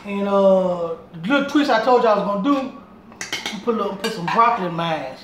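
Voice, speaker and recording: A man's voice: high voice, expressive, fairly quick, far from the mic. Chatty man cooking in a home kitchen. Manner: chatty, repeats himself while working; talks while moving around the kitchen. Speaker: home cooking show host. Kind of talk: casual cooking demonstration. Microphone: camera on tripod across the kitchen. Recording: roomy sound from a camera across the kitchen, noisy. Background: clatter of pots and dishes.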